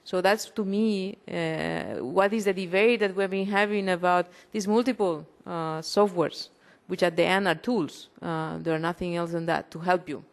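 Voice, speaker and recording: A woman's voice: lowish voice, moderate pace, gravelly, few pauses. A woman facilitating a conference panel, summing up in a hesitant way with many fillers and restarts. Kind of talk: closing summary at a conference panel.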